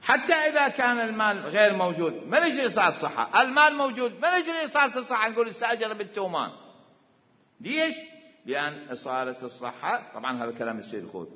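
A man with an Iraqi accent teaches a seminary class in a high, bright voice that leaps up and down as he presses his points. He fires questions and repeats himself for emphasis. The sound is dull and lo-fi, with a long echo from a hall. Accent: Iraqi Arabic. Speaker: seminary teacher of Islamic law. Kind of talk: seminary lecture.

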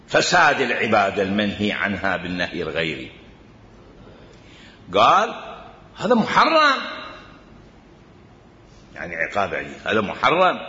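A man's voice: medium pitch, sharp tone. A man with an Iraqi Arabic accent teaching a jurisprudence lecture, emphatic and repeating his points. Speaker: religious studies teacher. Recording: roomy hall reverb, dull lo-fi.

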